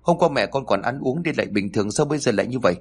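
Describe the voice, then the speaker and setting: A man's voice: medium pitch, expressive, very fast, husky. A man reading aloud, voicing a devoted young son in a family storybook tale who speaks earnestly and pleads. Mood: distraught.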